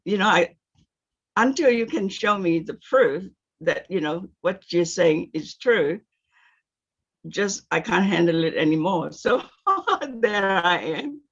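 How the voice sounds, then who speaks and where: A woman in her sixties from Singapore speaking in a halting way on a video call, with many fillers and nervous giggles. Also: lowish voice, animated, breathy edge. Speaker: meeting participant. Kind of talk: casual testimony. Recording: muffled lo-fi call audio.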